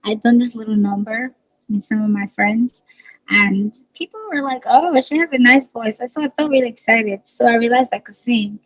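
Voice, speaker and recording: In a casual interview, a Nigerian singer in her thirties chats with an easy, laughing manner, letting her sentences fade off softly. Her voice sits fairly high, and the sound quality is lo-fi.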